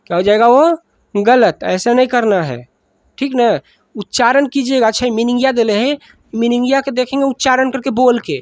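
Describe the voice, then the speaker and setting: A woman's voice: on the high side, normal speed, darkish tone, no echo, studio quality. A woman with a Bihari accent teaching a grammar lesson, asking questions and answering them herself, repeating each point.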